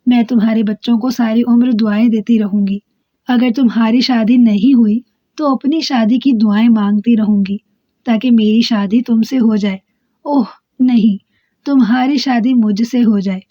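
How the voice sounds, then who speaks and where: A woman's voice: fairly high pitch, fairly even intonation, no echo, natural voice. A woman doing a phlegmy wailing old crone. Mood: wheedling. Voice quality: phlegmy, quavering. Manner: wheedling, sobbing pleas. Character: trickster man disguised as a wailing old woman. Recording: dull, dry close recording.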